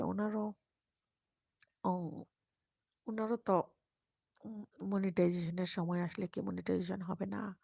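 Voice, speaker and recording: A woman chats softly through her live stream, often dropping to a near-whisper. Her voice is husky and mellow, with a gravelly edge. The microphone sits close in a dry space. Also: medium pitch, no room sound. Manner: speaks very softly, at times whispering. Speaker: live-stream host reading viewer comments. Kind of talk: casual live-stream chat.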